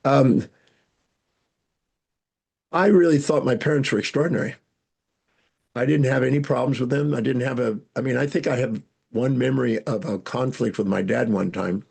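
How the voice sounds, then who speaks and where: An older man, a guest speaker and educator, telling animated stories from his life in an interview, with frequent restarts. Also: mid-range voice, moderate pace, creaky, long pauses, slightly rough. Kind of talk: storytelling interview answers.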